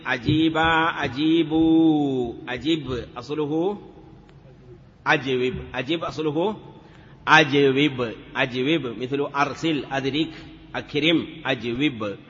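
A man's voice: a little high, pushed and bright. A male teacher giving a grammar lesson, chanting word forms in a sing-song drill and often saying "yes" between steps. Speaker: teacher of Arabic morphology. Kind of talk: classroom lecture. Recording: dull lo-fi recording with long reverb.

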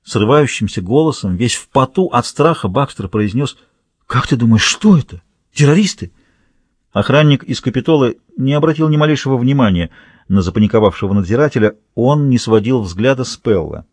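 A man narrating a thriller audiobook in a steady, measured reading. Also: medium pitch, no room sound.

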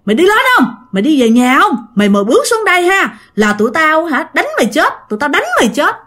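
A woman voicing a menacing red-faced male water ghost with fangs, shouting threats. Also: high voice, big pitch swings, quick pace, voice pushed up. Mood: threatening.

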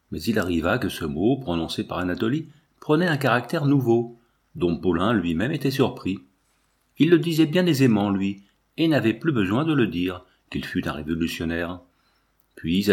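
A man's voice: on the low side, a little mellow. A man narrating a novel as an audiobook, his voice lifting for the quoted dialogue.

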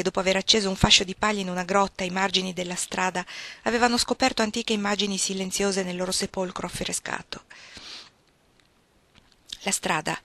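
Bright-voiced woman reading a novel. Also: medium pitch, dry recording. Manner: measured, expressive reading aloud. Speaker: reader. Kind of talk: audiobook narration of a novel.

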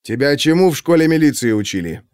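A man's voice: a little high, animated, quick pace, a little mellow, smooth, no echo, clean studio sound, lightly acted. A man voicing an irritable middle-aged police major with a curt, impatient manner. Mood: irritated.

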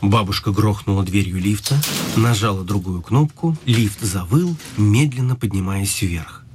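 A man narrating a children's story in an even, storytelling manner. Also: lowish voice, measured pace, background noise. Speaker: audiobook narrator. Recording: guitar music behind.

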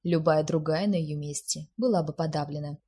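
A woman with a very breathy voice reading the part of a sharp young man who teases and scolds his friend. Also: low voice, fairly quick. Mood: exasperated. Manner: teasing, exasperated.

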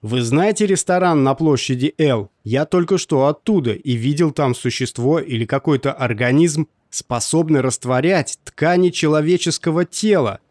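A man's voice: a little high, moderate pace, few pauses, darkish tone, no echo, studio quality, lightly acted. A man voicing a tense urgent doctor.

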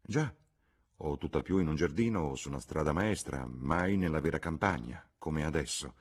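Guy reading as a stiff fussy young gentleman, mannered and a bit reproachful, husky voice, audiobook. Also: a bass voice, animated, moderate pace, full character voice.

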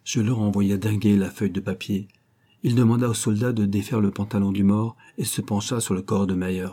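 A man narrates a novel in a steady, measured reading. His voice is low and dark, mellow in tone. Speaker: audiobook narrator. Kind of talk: scripted narration.

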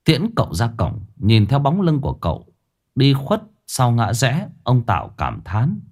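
A man narrating a ghost story in an expressive, dramatic manner. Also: mid-range voice, a little slow.

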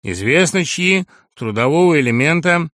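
A man's voice: on the high side, expressive, normal speed, a bit bright, no echo, studio quality. A man putting on a cocky, crude young upstart. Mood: smug. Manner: cocky, mocking, aggrieved and insistent. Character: crude brash young man, newly made from a dog. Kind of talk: audiobook character reading.

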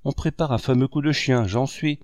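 A man's voice: mid-range voice, moderate pace, a little mellow, dry recording, clean studio sound, voice pushed up, close to an everyday voice. A man voicing a brusque, cocky young working man who answers curtly in an audiobook reading. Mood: dismissive. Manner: curt, dismissive.

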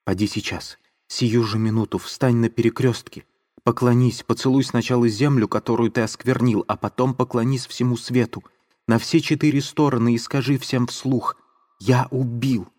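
A man voicing a pious, desperate young woman who pleads in a high, strained voice. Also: steady tone, normal speed, hardly any pauses, a little mellow, close to an everyday voice. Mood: fervent. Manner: fervent, imploring, high and strained. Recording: long reverb.

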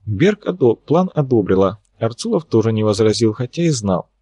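A man reading an audiobook, narrating in an even, measured way. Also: fairly low pitch, husky. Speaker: audiobook reader.

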